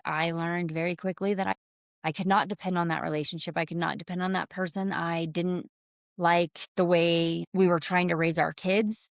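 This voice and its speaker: A woman's voice: lowish voice, no room sound, studio quality. A middle-aged woman hosting a podcast, telling a personal story in an earnest, heartfelt, confessional way. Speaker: podcast host.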